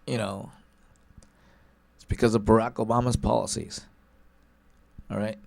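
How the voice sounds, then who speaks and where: A man's voice: fairly low pitch, level tone, a little slow, creaky, darkish tone, no room sound. A male talk show host giving an emphatic political commentary monologue, hammering one point again and again and tagging his lines with "all right?" and "okay?".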